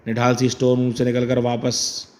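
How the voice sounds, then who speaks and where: A man's voice: medium pitch, monotone, normal speed, a little mellow. A man narrating a horror comic with dramatic emphasis.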